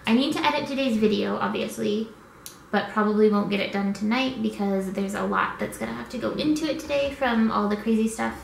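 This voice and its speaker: A woman's voice: on the high side, brisk, gravelly. A sleepy, worn-out woman in her twenties rambles casually to camera as a vlogger, easily drifting off track. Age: 20s. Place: small indoor apartment room. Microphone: camera at arm's length. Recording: echoey small room with faint noise.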